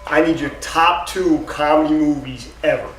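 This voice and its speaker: A man's voice: a little high, moderate pace, soft background music. A man hosting an interview, asking upbeat, direct questions in casual chat. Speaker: interviewer, host. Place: theater. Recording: echoey, distant, noisy theater recording.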